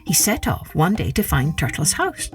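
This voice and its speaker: Animated woman storyteller with swooping intonation. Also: sits low, moderate pace. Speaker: storytelling podcast host. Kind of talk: animated scripted children's folktale narration. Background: faint music.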